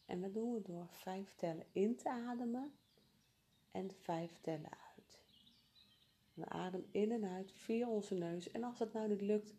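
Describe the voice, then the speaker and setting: A woman leading a guided breathing exercise in a calm, soothing, unhurried way. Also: medium pitch, slight background noise.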